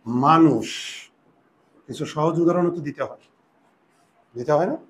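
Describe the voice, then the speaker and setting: A male Bengali teacher giving a classroom lesson, drilling students with repeated questions and spelling words out slowly. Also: a little high.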